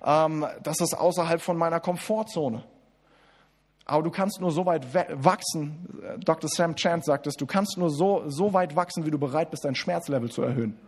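A man delivering a sermon in German with a voice pitched a little high for a man. He speaks right to his listeners, full of restarts and fillers, rushing through asides and then slowing down hard on key lines. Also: breathy edge. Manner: addresses listeners directly as du, with many restarts and fillers; swings between quick asides and slow, emphatic lines. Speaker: preacher.

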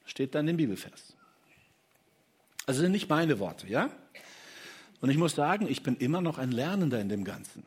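Male preacher, fairly high husky voice, lively sermon delivery, talks to the congregation. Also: moderate pace, pauses often. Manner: lively, stresses quoted verses loudly, many restarts and fillers; addresses congregation with "hey", "oder?", "ja?".

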